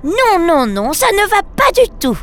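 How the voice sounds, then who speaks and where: A woman playing a prim, strict librarian who scolds calmly and firmly. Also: high voice, a little slow, noisy background, heavily acted. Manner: strict, schoolmarmish and composed.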